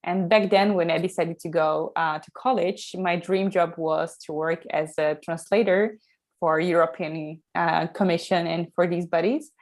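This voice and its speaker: A woman's voice: on the low side, fairly even intonation, a little slow. A young Slovak woman speaking English with a Slovak accent, answering interview questions in a friendly way with many ums and restarts. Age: young adult. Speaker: guest, company co-founder.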